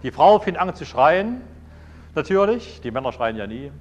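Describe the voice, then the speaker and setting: A man's voice: a little high, sing-song, moderate pace, dull audio, slight background noise. A man giving a sermon, telling anecdotes and acting out little dialogues in changing voices. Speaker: preacher.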